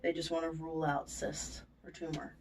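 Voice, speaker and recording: Her deep voice is flat in delivery and moves at normal speed as this woman, part of dental surgery staff, informally walks through aftercare instructions step by step, often checking in along the way. The clinic recording uses a distant microphone and carries faint room noise.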